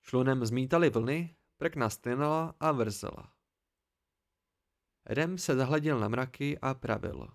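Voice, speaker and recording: A man's voice: medium pitch, creaky. A man narrating an amateur audiobook in a plain reading voice.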